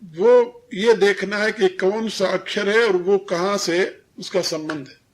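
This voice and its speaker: Speaking slowly in a high voice with fairly even intonation, an older man teaches religious matters as a spiritual guide in a lecture recorded in 1993. He explains things didactically, chuckling often as he fixes pronunciation.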